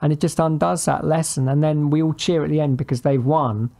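Male podcast co-host, warm mellow voice, ponders aloud, restarts his sentences. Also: on the high side, fairly even intonation, fairly quick, gravelly. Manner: thoughtful, hesitant, self-correcting. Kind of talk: casual chat.

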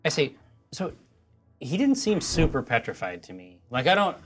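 A man's voice: fairly high pitch, wildly swooping pitch, normal speed, fairly bright tone, faint music behind. A man playing in a tabletop game, joking and talking in a theatrical, playful way. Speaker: player.

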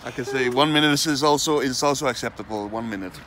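A man's voice: mid-range voice, fast, fairly bright tone, a little hiss or hum. A middle-aged man giving casual instruction in outdoors on a phone recording. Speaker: ice bath coach. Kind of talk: casual instruction in non-native English. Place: outdoors in a back garden. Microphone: phone camera.

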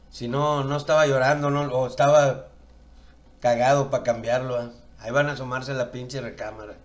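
A man's voice: a little high, a bit bright, roomy sound. A man with a Mexican Spanish accent doing a rambling, crude, slang-heavy comedy monologue. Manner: crude, slangy, rambling with chuckles at own jokes.

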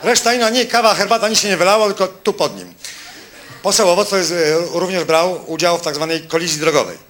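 A male stand-up comedian on stage, delivering a mocking monologue with quick punchlines and asides to the audience. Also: high voice, a bit bright. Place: stage before a live audience.

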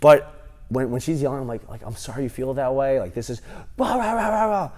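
A man in his thirties, a gym owner, answering interview questions with animated stories and lots of fillers, on a lapel mic in a large gym. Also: medium pitch, fairly quick. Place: large empty gym, indoors.

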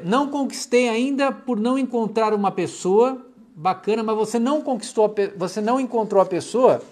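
A middle-aged Brazilian clinical hypnotherapist with a fairly high voice hosts a live stream, casually going through viewer comments. His Brazilian Portuguese accent comes through as he chats affectionately, often lowering his voice softly to speak to someone off camera.

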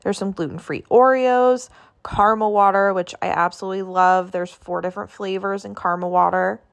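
Her voice is mid-range, steady, brisk, and creaky as she films a casual grocery run on her phone. The woman chats her way through the aisles, listing products and what they cost.

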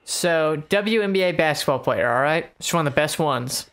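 A man's voice: fairly high pitch, expressive, fairly bright tone. Rambling, laughing gamer man. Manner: rambling, laughing, drawn-out tangents. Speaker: let's play co-host, player. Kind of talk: casual gameplay chat.

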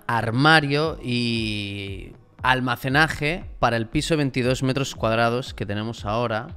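A relaxed, chatty vlogger and designer in his 30s explains things casually at his desk, gesturing a lot as he talks in a medium-pitched voice. He's in a small room at home, speaking into a large studio mic on a boom arm, with a bit of music in the background.

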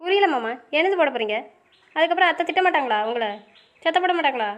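Girl in a romance audio drama, high voice, talks fast, stubborn and pouty. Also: animated. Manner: stubborn, pouting and playful.

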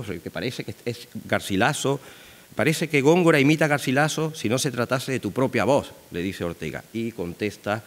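Older male scholar, low voice, rambling lecture delivery full of "eh" fillers, desk mic in a big echoing hall. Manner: digressive, filler-heavy, frequent tag questions. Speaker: literature scholar giving a conference lecture. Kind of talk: academic lecture. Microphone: desk microphone. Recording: reverberant hall.

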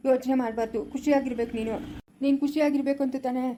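A gentle, protective aging father, played by a woman in a family short drama, soothing his son with repeated reassurances. The voice is mellow and somewhat high, and the lines come quickly. Soft music plays underneath. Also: steady tone, slight background noise, lightly acted.

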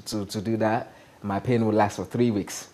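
Guesting in a TV studio interview, a Nigerian stand-up comic talks casually at a moderate pace in a lowish voice. Animated and gesturing freely, he keeps asking "you understand?" over slight background noise.

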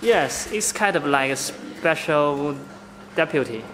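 A man's voice: a little high, animated, slow pace, crowd noise. A young man, an R&D engineer, answering questions in an open-plan office, hesitant and repeating words as he searches for them. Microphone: camera held close.

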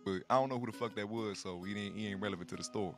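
A man with a somewhat low voice rambles through improvised role-play wedding vows, swearing freely and leaning on the same filler phrase over and over. Music plays clearly behind him. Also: very fast, fairly bright tone. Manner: rambling and profane, repeats "you know what I'm saying". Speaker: roleplayer playing the groom. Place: online game roleplay session.

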